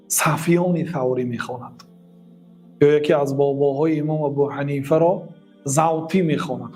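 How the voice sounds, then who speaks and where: A man's voice: on the high side, mellow. A man with a Tajik accent, an Islamic teacher giving a religious lesson who recites Arabic verses and translates them line by line.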